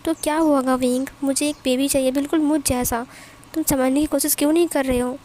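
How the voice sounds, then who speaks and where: A woman voicing a stern, exasperated young father who scolds in quick, blustery bursts. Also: very high-pitched, fairly even intonation, a little mellow, a little hiss or hum. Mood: scolding.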